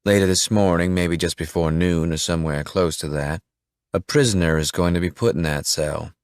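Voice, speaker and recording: A man's voice: low voice, normal speed, clean tone, no echo, studio quality. A man voicing a tough, scheming woman county sheriff who speaks in a cold, commanding way.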